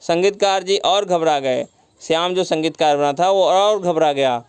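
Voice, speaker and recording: A man's voice: a little high, moderate pace, smooth, dry recording. A man teaching a story lesson, retelling each line and glossing words with simple synonyms, mixing in English words. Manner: mixes English words into the explanation.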